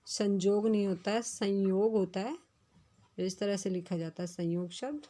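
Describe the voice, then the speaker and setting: Woman teacher, class lesson, careful word-by-word dictation, middle pitch. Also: mellow. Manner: slow, careful dictation of words. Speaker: school teacher.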